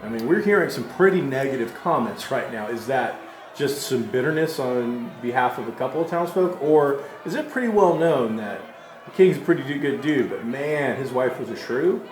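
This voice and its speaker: A man's voice: medium pitch, expressive, normal speed. A man playing a tabletop game, asking rambling, casual questions at the table. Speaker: player. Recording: echoey room with background noise.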